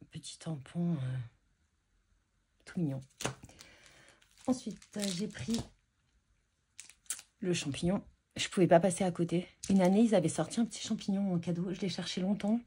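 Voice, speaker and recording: A woman with a fairly low, warm and mellow voice talks through her craft purchases in an easygoing show-and-tell way. She hesitates often, restarting sentences and filling pauses. Her tone stays soft rather than bright. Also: slight background noise. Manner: chatty and hesitant, many fillers and restarts. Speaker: scrapbooking vlogger showing purchases. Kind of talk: casual show-and-tell chat.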